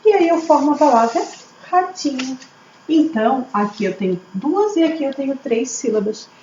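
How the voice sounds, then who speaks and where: A woman teacher, slowly sounding out words syllable by syllable for young children. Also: high voice. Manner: slow, syllable-by-syllable, lively teacher questions. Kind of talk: early literacy lesson for children. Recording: echoey room, slightly dull audio, faint hum.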